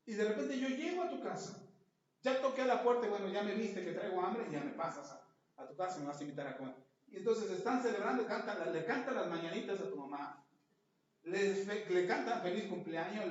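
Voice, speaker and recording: Pastor preaching in an echoey hall. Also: male voice, high-pitched. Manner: storytelling, acting out little scenes. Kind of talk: sermon. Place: church hall. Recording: echoey church hall, far from mic, dull.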